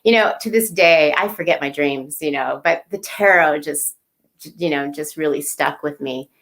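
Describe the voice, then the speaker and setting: A woman in her fifties, a guest in a casual video chat, relaxed and storytelling with easy laughs. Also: sits low, normal speed.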